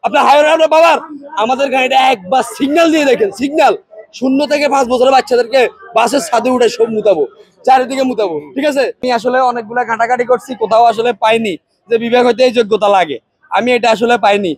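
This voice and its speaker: Fast, heated Noakhali-accented man. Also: very high-pitched. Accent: Noakhali Bengali. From Noakhali, Bangladesh. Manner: argumentative, repeats himself, asks listeners if they follow. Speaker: interviewee. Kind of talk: impassioned street interview.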